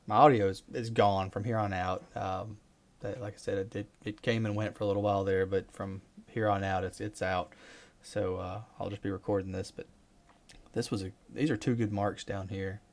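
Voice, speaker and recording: Guy talking over fishing clips, lowish voice, rambly, repeats himself, gets pumped on big fish. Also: moderate pace. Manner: relaxed, rambling, repeats words, excited bursts at fish. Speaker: fishing vlogger. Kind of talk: casual commentary over fishing footage.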